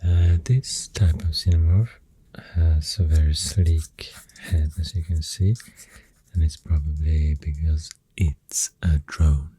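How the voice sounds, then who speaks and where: Pencil scratching and drawing sounds accompany this Swedish-accented ASMR artist, who sketches as she speaks close to the mic. Her extremely low, mellow voice stays mostly in a breathy whisper, slow, halting, and soothing, with fairly even intonation.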